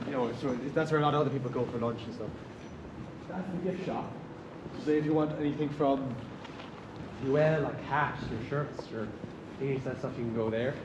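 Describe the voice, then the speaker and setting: A young man giving an informal, enthusiastic walking tour, explaining things in a chatty, loosely phrased way. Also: medium pitch. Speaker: campus tour guide, student. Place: outdoors, walking around a campus. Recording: noisy outdoor recording with traffic. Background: clear urban ambience and traffic noise.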